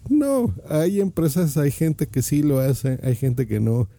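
A man's voice: a little high, sing-song, takes it slowly, dark tone, no echo. A Mexican man giving casual podcasting advice, talking into his phone and asking the listener rhetorical questions. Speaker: podcast host.

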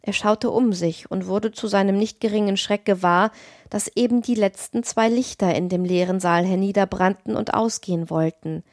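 A woman narrating a classic tale as an audiobook reader, in a measured, expressive reading. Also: medium pitch, dry recording, studio quality.

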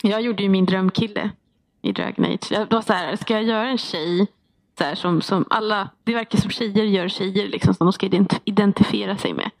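A woman's voice: mid-range voice, steady tone. A young woman in casual podcast chat about games, playful, blunt and joking. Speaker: podcast co-host.

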